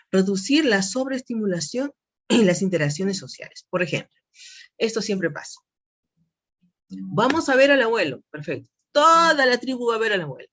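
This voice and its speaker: A woman's voice: mid-range voice, slightly rough. A woman giving an instructive lecture on elder care, repeating key points and often checking in with her listeners. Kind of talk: spoken lecture to an audience. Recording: dull lo-fi recording.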